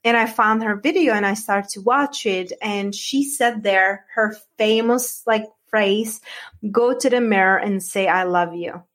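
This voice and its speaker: A woman's voice: medium pitch, unhurried, a bit bright. Earnest Czech-accented woman coach. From Czech Republic. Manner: earnest, heartfelt storytelling. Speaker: guest, women's coach. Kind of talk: podcast interview.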